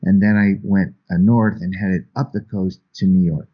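Brief: low, husky male author guest, earnest anecdotal storyteller, slightly muffled lo-fi audio. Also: fairly even intonation, moderate pace. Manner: earnest, anecdotal, frequent restarts. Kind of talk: storytelling in an interview. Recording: dull lo-fi sound.

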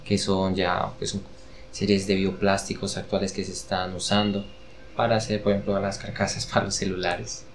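Deep, flat-voiced man explaining. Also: slight background noise. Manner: measured, explaining patiently, hesitant fillers. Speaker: guest expert. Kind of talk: casual explanatory chat.

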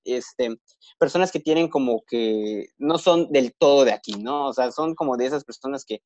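A man's voice: mid-range voice, moderate pace, lo-fi sound. A young man from Yucatán with a Yucatecan Spanish accent, a guest telling stories in a casual podcast chat, acting out the people he quotes. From Yucatán, Mexico. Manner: animated storyteller, acts out quoted voices.

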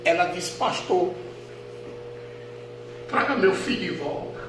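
Booming pastor in an echoey church. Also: male voice, expressive, takes it slowly. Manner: dramatic storytelling, swings from hushed to shouting. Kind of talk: sermon testimony. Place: church hall. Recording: echoey hall with noise.

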